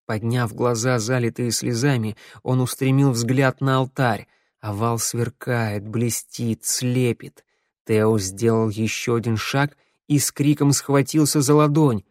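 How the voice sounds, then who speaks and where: Male audiobook narrator, slow and measured, lots of dramatic pauses, mid pitch, dead dry studio sound. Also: fairly even intonation, a little mellow, dry recording.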